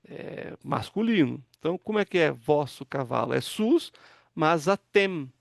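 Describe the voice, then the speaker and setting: A pastor teaching an online Hebrew class, patiently walking students through word forms and asking them to read aloud. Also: male voice, on the high side, animated, a little slow, creaky, no echo, clean studio sound. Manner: patient, explains step by step, asks students to read.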